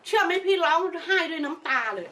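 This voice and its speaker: Older woman, lively high-voiced storyteller. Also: fast talker. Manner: lively storyteller who acts out the voices of people in her story. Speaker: customer giving a testimonial. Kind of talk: animated spoken testimonial. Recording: distant mic with faint background noise.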